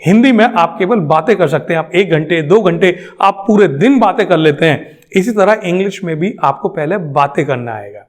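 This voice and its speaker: A man's voice: high voice, expressive, moderate pace. A male English trainer, lecturing a class emphatically and answering his own questions. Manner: emphatic, repeats points, asks questions then answers them.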